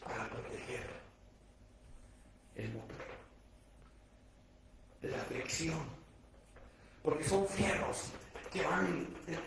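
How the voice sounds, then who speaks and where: High-voiced pastor preaching in an echoey church. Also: male voice, expressive, drawn-out words, vocal fry, long pauses. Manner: swings between loud shouting and hushed low speech; preaching with everyday jokes and direct questions to the congregation. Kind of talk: sermon. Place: church sanctuary. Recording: echoey church room, distant mic, faint noise.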